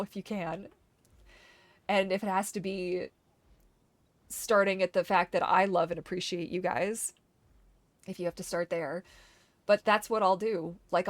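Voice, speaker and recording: Young woman, casual live-stream host; heartfelt, swears, laughs easily; mid pitch, dry mic. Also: no room sound. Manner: emotional, swears freely, laughs often.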